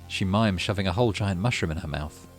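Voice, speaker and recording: A gaming channel host with a low voice talks fast over faint music. He reads the on-screen story text aloud in a let's play and adds casual commentary.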